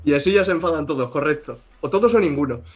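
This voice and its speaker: A man's voice: on the high side, lively intonation, fast talker, husky. A man co-hosting a podcast, talking with profane, mock-indignant outrage in casual chat. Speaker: podcast co-host.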